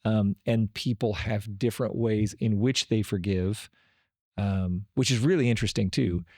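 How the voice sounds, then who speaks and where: A man's voice: fairly low pitch, moderate pace, a little mellow, no echo, clean studio sound. A man co-hosting a faith-based family podcast, explaining his points steadily and listing them one by one. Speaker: podcast co-host.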